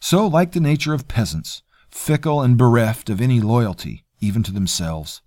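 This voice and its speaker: A man voicing an officious, sneering nobleman who speaks in a smooth, condescending way. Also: medium pitch, normal speed, a little mellow, dry recording, clean studio sound, voice pushed up, natural voice.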